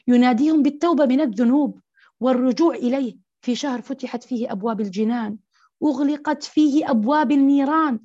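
A woman's voice: fairly high pitch, mellow, dry recording. A woman preaching an impassioned Ramadan sermon to other women, rising to emphatic peaks. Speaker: religious preacher. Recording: dull, dry close recording.

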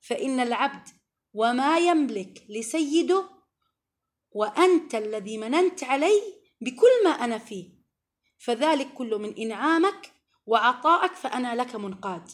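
Earnest high-voiced woman preaching. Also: animated, moderate pace. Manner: earnest and pleading, coaxing asides and rising emphasis. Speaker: preacher addressing women. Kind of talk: religious lesson to women.

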